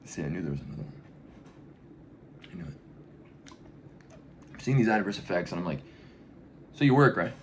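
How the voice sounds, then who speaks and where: A young man talking in a casual, rambling way, full of slang and "you know", often dropping into mumbled, breathy asides. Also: deep voice, lively intonation, moderate pace, pauses often, a little mellow, a little hiss or hum. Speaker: vlogger. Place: backyard outdoors.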